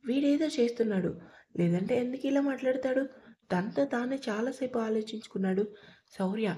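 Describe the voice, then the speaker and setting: A woman narrating an emotional love story aloud and speaking every character's lines in her own gentle voice. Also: fairly high pitch, a little fast.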